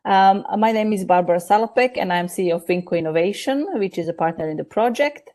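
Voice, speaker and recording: A woman's voice: fairly low pitch, fast talker, a little mellow. A woman from Croatia, a company CEO, speaking as a guest on a podcast in a polite, hesitant way with many fillers. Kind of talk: casual podcast conversation.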